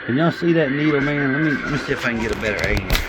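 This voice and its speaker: With a Southern US accent, a man who hosts videos about CB radio rattles on very fast to his viewers, expressive in his medium pitch. He's folksy and hesitant, repeating himself often, and the sound is muffled with clear radio noise behind him.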